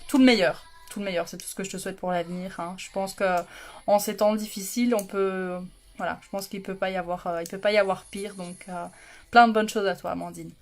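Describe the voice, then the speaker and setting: A woman's voice: mid-range voice, steady tone, fairly quick, a little mellow, soft background music. A woman doing a casual makeup livestream from home, chatty and self-mocking, giggling often and greeting viewers by name. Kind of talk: casual live makeup chat.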